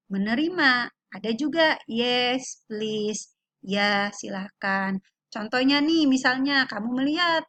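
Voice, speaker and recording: A high-pitched woman teaches English phrases in a lesson. She says each example slowly and carefully before explaining it. The sound is dry and close, with no room echo. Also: a bit bright. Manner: reads English example phrases slowly, then translates them.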